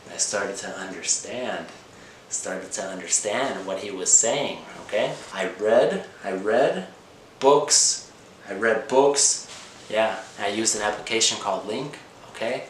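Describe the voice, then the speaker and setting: With a lowish voice and a measured pace, this American channel host from Indiana teaches learners through a slow comprehensible-input lesson, repeating easy phrases, frequently asking "okay?" and mixing in Spanish with English at times. The room echoes, and background noise is noticeable.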